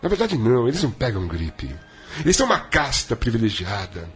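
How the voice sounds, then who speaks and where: A podcast co-host rambles through a sardonic story in casual comedic chat, talking briskly with huge swings in pitch.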